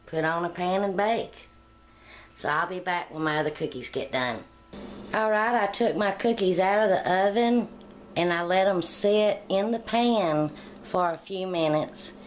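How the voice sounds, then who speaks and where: A woman's voice: lowish voice, a little hiss or hum. A middle-aged woman hosting a home cooking channel, talking plainly step by step through a recipe in her kitchen. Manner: homey, plain-spoken, step-by-step. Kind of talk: casual cooking demonstration voice-over.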